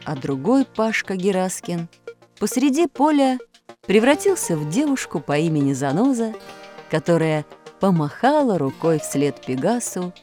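A woman narrating an audiobook of a children's story in an expressive storytelling manner. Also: lowish voice, measured pace, faint music behind.

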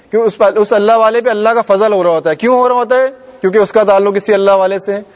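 Male preacher, high voice, earnest exhorting sermon, muffled recording in a reverberant mosque hall. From Pakistan. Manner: earnest, exhorting, with short laughs. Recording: dull sound, long reverb.

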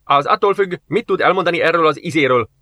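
A man voicing a hot-tempered male first officer who gives sharp, commanding orders. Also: fairly high pitch, animated, dry recording, clean studio sound, pitched above the performer's own voice. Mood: stern.

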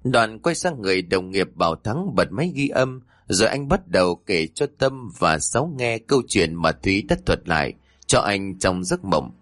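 A man narrating a ghost story in an expressive, dramatic way. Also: low voice, moderate pace, no room sound, studio quality.

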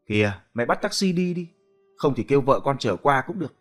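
A man playing a busy son, a company chairman, who speaks in a brisk, hurried way. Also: mid-range voice, very animated, a bit bright, soft background music.

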